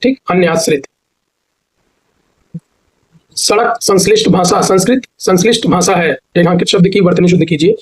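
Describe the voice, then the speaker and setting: A man teaching an exam-prep grammar lesson, explaining step by step and repeating words slowly to spell them out. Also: sits high, husky, low-quality recording.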